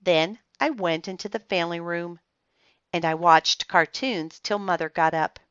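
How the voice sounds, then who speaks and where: A woman reading a children's book aloud in an expressive storytelling manner, on a slightly muffled dry recording. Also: lowish voice, measured pace, clean tone, dry recording. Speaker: storybook reader.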